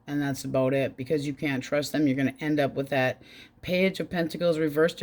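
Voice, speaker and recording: A woman giving a casual tarot reading, talking bluntly and chattily, swearing now and then and jumping up in pitch. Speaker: tarot reader.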